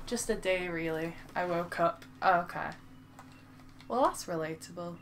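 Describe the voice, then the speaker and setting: A woman with a Lancashire accent talks through a game stream in a loose, chatty way, poking fun at herself and answering her viewers. Her voice sits a little low for a woman. A faint hum of background noise stays behind her. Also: a bit bright. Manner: chatty and self-mocking, reads viewer comments aloud. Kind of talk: casual live-stream chat.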